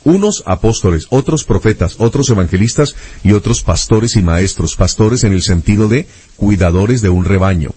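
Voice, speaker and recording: A man's voice: lowish voice, animated, normal speed, mellow, husky, no room sound. A man interviewing a guest, reading Bible verses aloud and looking up references as he goes. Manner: methodical, reads verses aloud while searching references. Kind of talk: reading scripture aloud in conversation.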